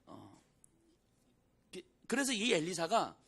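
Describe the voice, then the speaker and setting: A male pastor preaches in a casual, storytelling tone, slipping into characters' voices as he retells the scripture. His voice sits a little high and moves up and down with lively intonation. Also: takes it slowly, creaky, slightly rough. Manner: conversational preaching, acts out biblical dialogue in casual speech. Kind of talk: sermon.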